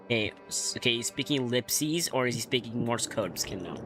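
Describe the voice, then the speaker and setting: Lively man joking through a game stream. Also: medium pitch, fairly quick. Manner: jokey, reacts to the game and reads its text aloud. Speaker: livestream host. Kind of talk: casual gaming commentary. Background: game music.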